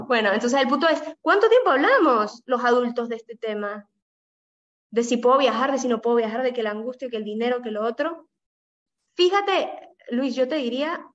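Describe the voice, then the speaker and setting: A woman with a Caribbean Spanish accent leads a Bible study, patiently explaining each point and often checking with her listeners through short "¿no?" and "¿sí?" questions. Her voice is fairly high, and the recording is dull and lo-fi.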